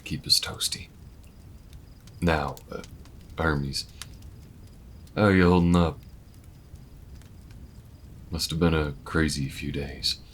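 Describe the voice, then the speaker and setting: In an intimate audio roleplay, a man plays an easygoing, weathered alien bounty hunter, speaking in a folksy, unhurried, gently curious way with murmured asides. His bass voice is steady, a bit bright, and exaggerated, with slight background noise.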